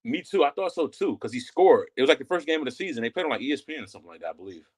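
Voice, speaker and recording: A man talking college football in a loose, casual way. He talks quickly and piles on fillers and restarts. His voice sits at an ordinary middle pitch. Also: sing-song, breathy edge. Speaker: guest analyst. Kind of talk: casual sports talk.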